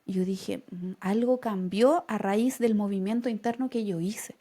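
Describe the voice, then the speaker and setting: A woman's voice: medium pitch, measured pace, husky. A young woman with a Chilean accent, co-hosting a casual podcast and telling a personal story, acting out the lines she quotes with laughter. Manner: animated, acts out quotes with laughter. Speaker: podcast co-host.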